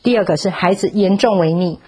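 A woman's voice: on the low side, brisk, mellow, breathy edge. A woman teaching a parenting class, talking in an earnest, firm way and acting out how to speak to children.

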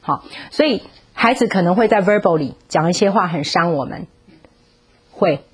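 Husky-voiced woman teaching a parenting class. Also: lowish voice, expressive, moderate pace. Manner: earnest, firm, demonstrative.

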